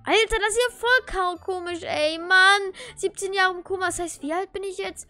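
Eine Frau spielt einen aufgeregten Jungen, hell und hoch. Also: female voice, very high voice, steady tone, normal speed, bright, forceful tone, faint music behind. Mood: bewildered. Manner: slangy, exclamatory, pleading. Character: Snoopy, excitable, whiny thirteen-year-old boy. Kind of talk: Minecraft video role-play with asides to viewers.

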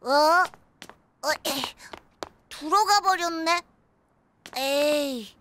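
A woman's voice: sits high, a bit bright, slight background noise, exaggerated voice. A woman voicing a small, playful boy in a children's cartoon, cheerful, innocent and childlike. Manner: childlike, making drawn-out vehicle noises in play. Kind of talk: children's animated series acting.

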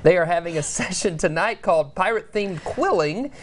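Low-voiced woman co-hosting morning tv, upbeat and chatty reading event listings. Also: expressive, moderate pace, slight background noise. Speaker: morning show co-host. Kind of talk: scripted local events segment.

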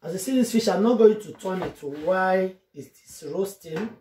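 A woman's voice: medium pitch, lively intonation, moderate pace, mellow. Woman giving a chatty kitchen tutorial. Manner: chatty step-by-step instructions addressed to viewers. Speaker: cooking vlogger. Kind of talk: casual cooking tutorial. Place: home kitchen. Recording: roomy kitchen echo, faint noise.

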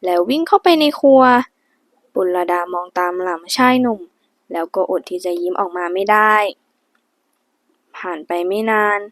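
A woman reading a romance audiobook in an even storytelling voice, close to the mic. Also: on the low side, normal speed, long pauses, dry recording. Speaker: audiobook narrator. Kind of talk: scripted romance narration.

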